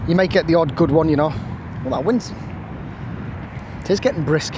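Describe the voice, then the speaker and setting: A man's voice: a little high, moderate pace. A man chatting casually to camera while fishing outdoors on a windy riverbank, full of jokey, self-mocking asides. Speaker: angling vlogger. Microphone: camera on a stand, at times stepping away.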